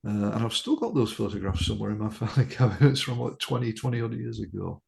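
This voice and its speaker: A man's voice: on the low side, expressive, quick pace, creaky, a little mellow. A man, a hypnotherapist, telling a case story on a podcast in an anecdotal way, with frequent ums and restarts.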